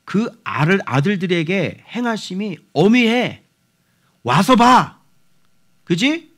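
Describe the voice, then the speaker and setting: A male pastor in his forties giving an expository sermon in a church, animated and acting out voices with shouts. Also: high voice, takes it slowly.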